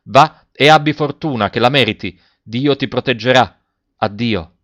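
A man's voice: medium pitch, normal speed, fairly bright tone, no room sound, natural voice. A man voicing a kindly, solemn hospital doctor who gives a boy his blessing, read in a storybook. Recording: dry, dull lo-fi recording.

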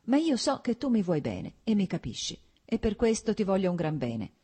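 A woman's voice: mid-range voice, big pitch swings, normal speed, dark tone, slightly rough, pitched above the performer's own voice. Earnest young nobleman in love, read by a woman. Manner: earnest, urgent, pleading.

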